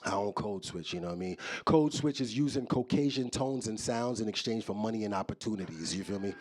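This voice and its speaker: Fairly low and darkish, his voice moves at a fairly quick clip as he performs stand-up in an office building. The New York comedian talks loosely, aiming every line directly at the audience.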